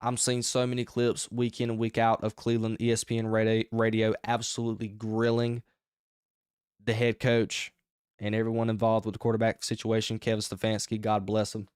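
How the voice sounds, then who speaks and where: A man hosting his own sports podcast, talking through his game picks in a casual, energetic, rambling way with emphatic outbursts. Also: fairly low pitch, fairly quick, clear, resonant tone, dry recording, clean studio sound. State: short of breath.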